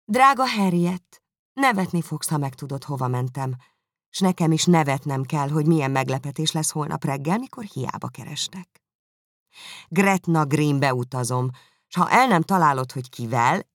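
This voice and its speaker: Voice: mid-range voice, lively intonation, fairly bright tone, dry recording, studio quality. A narrator reading out a letter as Lydia, a giddy, careless young woman, in a playful breezy way.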